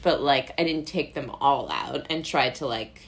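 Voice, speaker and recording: A young American woman from Brooklyn, New York, a playwright and actor, chats casually as a podcast guest. She speaks in a bass voice at moderate pace, rambling through anecdotes and quoting imagined remarks.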